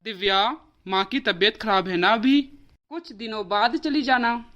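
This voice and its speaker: A woman voicing a calm, dismissive young husband in a cartoon story. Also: on the high side, unhurried, dull audio, voice pushed down.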